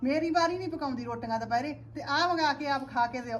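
A woman's voice: sits high, fast, a little hiss or hum, close to an everyday voice. A woman playing a weary village mother-in-law complaining about her son's wife. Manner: complaining, resigned. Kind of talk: village comedy sketch acting.

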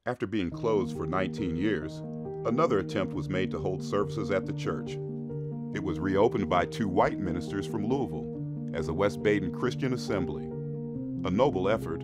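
A man giving measured, scripted documentary narration. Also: sits low. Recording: music bed under voice.

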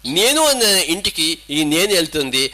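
A man's voice: fairly high pitch, very animated, normal speed, pushed and bright. An older man giving an emphatic spiritual discourse, firing off rhetorical questions and switching into English and Hindi. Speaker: spiritual teacher.

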